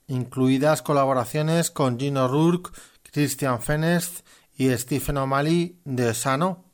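A man hosting a radio programme, reading a scripted music presentation in a measured, informative way. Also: fairly high pitch. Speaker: radio host.

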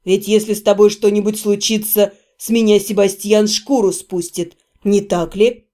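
A woman voicing a calm, ironic young male necromancer in a storybook reading, speaking softly and with mockery. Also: mid-range voice, normal speed, pitched below the performer's own voice, natural voice. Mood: sly. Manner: soft, mocking.

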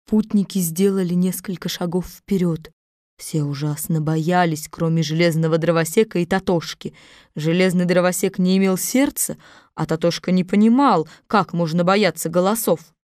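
A woman narrating a children's fairy-tale book in a measured, expressive reading voice. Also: lowish voice, dry recording, clean studio sound. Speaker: audiobook narrator. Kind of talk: scripted storybook narration.

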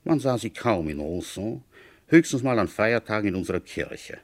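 In a radio drama, an actor voices a seasoned, middle-aged village police commissioner who narrates and questions with deliberate, dramatic phrasing. The detective narrator's male voice sits fairly low and stays animated, with a brooding tone to the narration.

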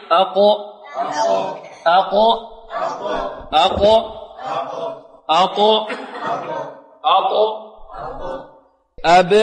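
A man with a high voice leads a recitation lesson, posing questions to his listeners and then answering them himself. He stretches words out slowly and repeats them so they can be imitated. The recording rings with the long reverb of a large hall. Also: a bit bright. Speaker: Quran recitation teacher.

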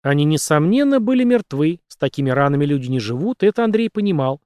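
A man reading a story aloud as narrator, in an expressive storytelling manner. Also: fairly high pitch, quick pace, dry recording. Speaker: audiobook narrator. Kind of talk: scripted narration.

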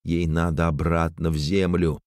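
A man's voice: sits low, a little slow, darkish tone, no room sound, clean studio sound. A man voicing a frightened, tearful old grandmother who speaks in a pleading way.

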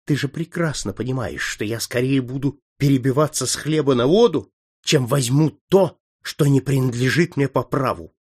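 A man's voice: mid-range voice, normal speed, husky, pitched above the performer's own voice, close to an everyday voice. Man doing a cold hollow-voiced young nobleman. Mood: stern. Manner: hollow, lifeless quiet voice. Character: cold young aristocrat son, accusing, contemptuous.

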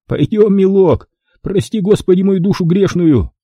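A man putting on a rough, grinning henchman with a folksy drawl, pitched a little high and full of cheerful menace. The voice stays dark and husky, close to the mic. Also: dry recording, dull audio. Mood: jeering. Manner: slow, folksy, jeering. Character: coarse, cheerful male thug sidekick, folksy.

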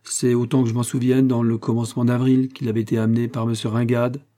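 A man's voice: mid-range voice, little pitch movement, fast talker, dark tone, close to an everyday voice. A man voicing a talkative middle-aged village carpenter who gushes eagerly. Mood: enthusiastic.

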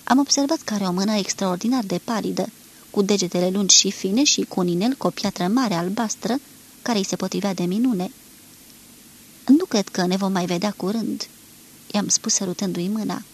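A woman reads a literary novel aloud at a measured pace, giving the lines of dialogue a light touch. Her voice is somewhat husky and sits at a middle pitch. It sounds like an archive radio reading from the early eighties. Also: darkish tone. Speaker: reader of a novel. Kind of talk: scripted literary narration. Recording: 1983 archive radio recording.

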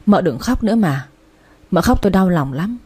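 A woman's voice: fairly low pitch, lively intonation, moderate pace, a little mellow, slightly rough. A woman voicing a young husband who coaxes and insists as he pleads with his wife. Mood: coaxing. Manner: coaxing, insistent.

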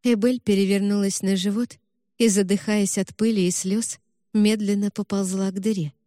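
Warm-voiced woman narrating an audiobook. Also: mid-range voice, moderate pace, no room sound, studio quality. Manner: emotional, expressive reading.

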